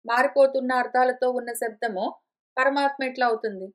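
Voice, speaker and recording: A woman giving a conversational scripture lesson, repeating and rephrasing her points and slowing down to recite verses. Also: high voice. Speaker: teacher of scripture. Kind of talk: explanatory spoken lesson.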